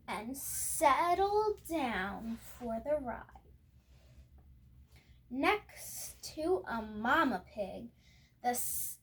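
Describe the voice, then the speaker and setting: A young girl with a high-pitched voice reads a picture book aloud very slowly as a storybook reader, adding asides to viewers. Her delivery is expressive but halting, with stumbles and self-corrections.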